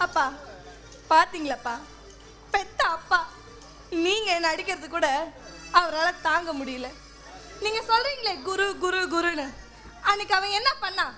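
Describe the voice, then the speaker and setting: A woman's voice: very high voice, lively intonation, normal speed, pauses often, exaggerated voice. A woman acting a defiant young daughter in a village stage drama, pleading with her father in a declamatory way. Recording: stage recording with loud music behind.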